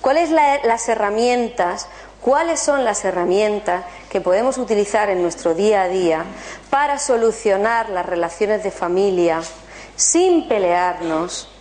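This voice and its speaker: A woman giving an animated motivational talk to an audience, asking them rhetorical questions. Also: medium pitch, unhurried. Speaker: spiritual workshop speaker.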